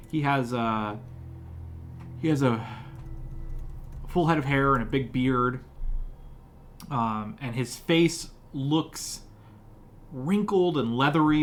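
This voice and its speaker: A man narrating a tabletop game as game master, improvising haltingly as he describes the scene. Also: mid-range voice. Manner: halting, searching for words as he describes. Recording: slightly noisy room recording.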